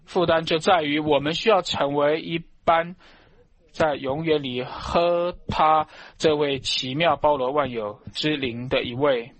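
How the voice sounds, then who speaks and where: A man delivers a sermon with slow, deliberate pacing. His voice sits a little higher than most men's. He presses each phrase with fervent emphasis, building into loud exclamations of praise. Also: no echo. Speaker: preacher.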